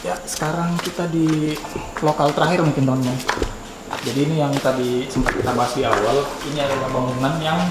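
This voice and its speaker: A man hosts a casual night exploration vlog. He talks quickly but hesitantly, feeling for his words, with clear cricket and insect noise behind him. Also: mid-range voice, fairly even intonation. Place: school building at night.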